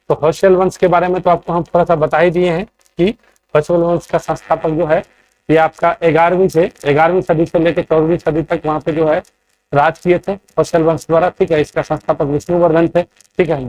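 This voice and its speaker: A man's voice: on the high side, darkish tone. Man, lecturing in class. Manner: asks quiz questions and answers them, keeps checking in. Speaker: exam coaching teacher.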